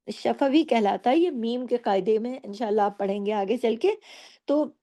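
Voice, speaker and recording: Slow, patient woman teaching recitation. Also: high voice, dark tone. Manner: patient, explains each rule and asks rhetorical questions. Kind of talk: slow step-by-step tajweed lesson.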